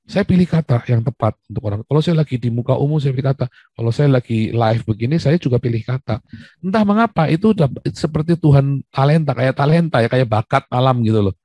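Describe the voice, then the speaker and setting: A man's voice: mid-range voice, lively intonation, fast talker, dark tone, no echo. Emphatic man lecturing on a video call. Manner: emphatic, lecturing, repeats himself. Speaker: livestream host. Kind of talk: live video-call discussion.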